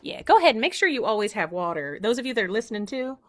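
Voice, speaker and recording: A woman's voice: fairly high pitch, very animated, rapid-fire. Woman voicing a bossy hand puppet with a Virginia twang. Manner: bossy, teasing. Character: chatty female hand puppet acting as host.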